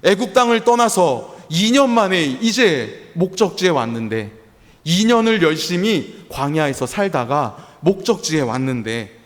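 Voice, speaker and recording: Animated male pastor in echoing church. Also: fairly high pitch, measured pace. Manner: animated preaching with rhetorical questions to the congregation. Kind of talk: sermon. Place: church sanctuary. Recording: long church hall reverb.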